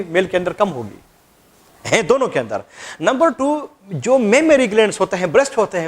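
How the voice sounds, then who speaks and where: A man teaching a class, asking questions and answering them himself. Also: high voice. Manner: repetitive, quizzing students then answering himself. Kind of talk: classroom lecture.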